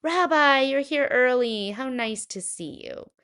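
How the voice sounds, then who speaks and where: A chirpy, high old grandmother, as a woman reader puts her on, fussing over a guest. Her voice leaps up and down with lively swings. She chatters along merrily. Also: a little slow, clear, resonant tone, heavily acted. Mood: chatty, fussing. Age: older. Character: frail, cheerful 97-year-old grandmother.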